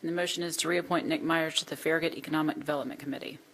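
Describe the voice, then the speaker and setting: A woman's voice: deep voice, steady tone, rapid-fire, creaky, a bit bright. A woman on town staff reading a formal agenda item aloud at a board meeting. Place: public meeting room.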